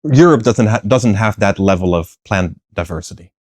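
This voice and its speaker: Lowish, expressive, and a little mellow, this male voice speaks at normal speed with no echo. It comes from a middle-aged plant philosopher explaining at length as an interview guest, thoughtful in conversation, with frequent fillers, restarts, and light laughter.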